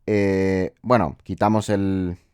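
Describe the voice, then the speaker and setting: A man's voice: low-pitched, flat delivery, slow, a little mellow, smooth, no room sound. Dry-voiced man patiently explaining grammar. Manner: patient, step-by-step explaining with rhetorical check-in questions. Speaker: English teacher.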